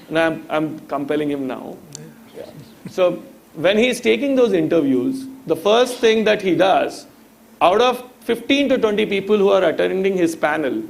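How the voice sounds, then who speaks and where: A man in his thirties with an Indian accent speaks in a high voice marked by vocal fry. He appears as a guest on a motivational talk, teaching through stories and rhetorical questions.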